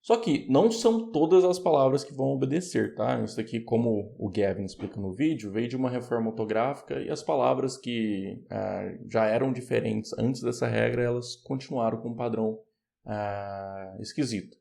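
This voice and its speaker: Gravelly Brazilian teacher explaining pronunciation. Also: male voice, medium pitch, dark tone. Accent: Brazilian Portuguese. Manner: patient, explains then repeats words slowly. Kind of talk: online pronunciation lesson.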